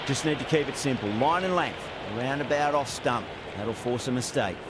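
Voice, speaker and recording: A man's voice: mid-range voice, moderate pace. A man giving cricket commentary in a sports video game. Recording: loud crowd noise throughout. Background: roaring stadium crowd.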